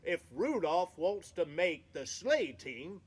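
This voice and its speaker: A man's voice: sits high, very animated, takes it slowly, husky, full character voice. A man voicing Santa Claus in a storybook read-aloud, fussing about a glowing nose with a stumbling, fussy manner. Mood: concerned. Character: jolly old Santa Claus, fussy about the sleigh team.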